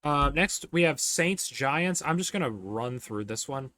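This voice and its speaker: A man's voice: mid-range voice, lively intonation, a little slow, bright, forceful tone. A man hosting a casual sports podcast, running through game picks with lots of fillers and restarts. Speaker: podcast host.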